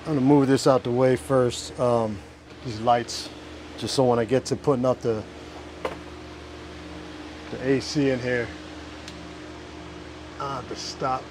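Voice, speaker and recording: Inside a food truck, a DIY vlogger casually narrates his hands-on work, muttering offhandedly to himself and swearing now and then. His mid-range voice is steady and a little slow, broken by long pauses. Vehicle and fan noise come through clearly.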